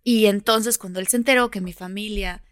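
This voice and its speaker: A woman with a Mexican accent, a podcast guest telling a personal story in casual, animated chat. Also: mid-range voice, fairly quick, dry recording, clean studio sound.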